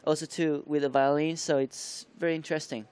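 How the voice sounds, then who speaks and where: A young man who grew up in Taiwan, answering studio interview questions as a motocross rider, halting and searching for words with many fillers. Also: a little high, flat delivery, a little mellow, clear, resonant tone. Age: young adult.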